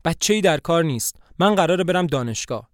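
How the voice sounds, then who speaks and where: A man's voice: on the high side, lively intonation, no room sound, clean studio sound, lightly acted. A man voicing a flustered teenage girl who insists on her side of things, in a story reading of a play.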